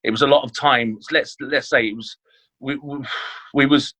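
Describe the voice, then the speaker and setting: With a mid-range voice, steady tone and sharp edge, a chef speaks at a moderate pace in a casual podcast interview about his career. He was born in Leeds, grew up in London, and uses many fillers and restarts.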